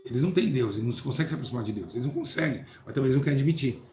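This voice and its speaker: A man preaching a sermon, swinging between loud emphatic bursts and soft low asides while questioning his listeners. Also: expressive, very fast. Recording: echoey room with faint ambient noise.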